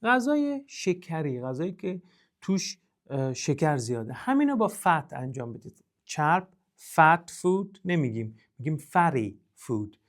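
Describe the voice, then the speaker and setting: A male English teacher, explaining vocabulary step by step and switching to slow, careful English examples. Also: on the high side, big pitch swings. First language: Persian. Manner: demonstrates pronunciation with puffs of air. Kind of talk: spoken language lesson.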